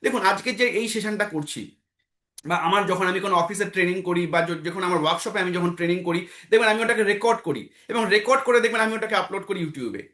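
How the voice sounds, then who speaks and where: Bright-voiced man coaching a meeting. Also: high voice, fast, echoey room. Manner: exhorting, repeats phrases, asks himself questions then answers. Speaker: trainer leading an online team meeting. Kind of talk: motivational training talk.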